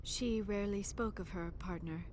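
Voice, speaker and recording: An actress speaks at a moderate pace in a mid-range, darkish, natural voice, with slight background noise. Her character is a young alien woman scientist serving as a crew archaeologist in a video game, shy and earnest, calmly explaining in formal, precise diction.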